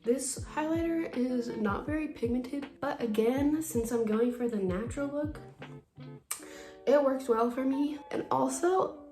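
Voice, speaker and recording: A chatty young woman with a slightly high voice talks casually through a makeup routine and rambles into self-deprecating asides. She sounds a little out of breath. She is filmed on a phone in an echoey room with faint music behind her. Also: measured pace, mellow. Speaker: beauty vlogger. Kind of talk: casual makeup tutorial chat. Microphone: phone camera.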